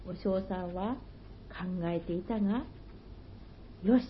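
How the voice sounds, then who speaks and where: A woman telling an old folktale slowly and gently, in old-fashioned storytelling phrasing. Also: on the low side, steady tone, slight background noise. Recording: dull lo-fi recording.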